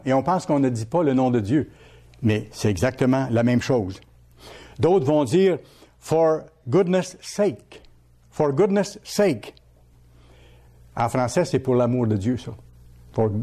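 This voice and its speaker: A male pastor delivers a teaching sermon. His voice sits at an ordinary pitch with a warm, mellow tone. He repeats key words and keeps putting questions to his listeners.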